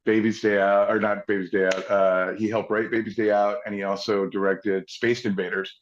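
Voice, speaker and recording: A man in his forties, appearing as an actor guest, tells anecdotes casually in a fairly low voice at a moderate pace. He's an animated storyteller who acts out the people he quotes. The slightly dull lo-fi recording carries a little hiss or hum.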